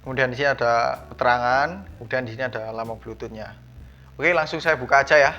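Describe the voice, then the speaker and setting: Talking fast in a sharp, mid-range voice, a man narrates a product unboxing for his vlog, keeping it casual, conversational and explanatory. Music runs in the background, and the sound quality is dull and lo-fi.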